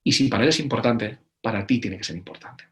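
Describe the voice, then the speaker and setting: A middle-aged man with a Spain Spanish accent gives an animated conference talk, acting out quoted voices between frequent hesitations. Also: lowish voice, fast talker. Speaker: conference speaker.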